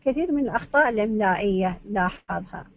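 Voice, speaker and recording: A woman's voice: medium pitch, animated, racing, creaky. A woman giving a university lecture, going point by point and asking and answering her own questions. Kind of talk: academic lecture on Arabic phonetics. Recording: dull lo-fi recording.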